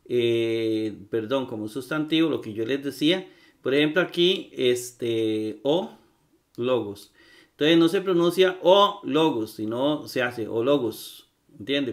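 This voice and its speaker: A man teaches a grammar lesson at a middle pitch. He speaks haltingly, repeating words and filling pauses, and keeps checking whether his students follow. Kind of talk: recorded grammar lecture.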